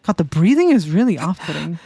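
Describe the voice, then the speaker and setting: A woman streaming a game playthrough, reacting excitedly, giggling and talking to her viewers. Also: fairly low pitch, fairly quick, creaky, breathy edge, no echo.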